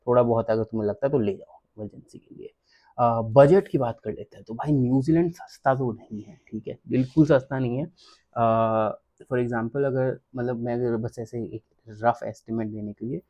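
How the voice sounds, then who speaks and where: Blunt animated man, dull lo-fi sound. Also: medium pitch, no echo. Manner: blunt, animated, switches between Hindi and English. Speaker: travel vlogger. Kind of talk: casual travel advice chat.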